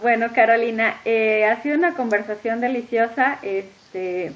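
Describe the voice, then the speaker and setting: Woman hosting a chat, higherish voice, talks fast and excited, kinda dull lo-fi sound. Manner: talkative, lively, emphatic listing. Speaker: podcast host interviewing a guest. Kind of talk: casual interview chat. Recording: dull lo-fi audio.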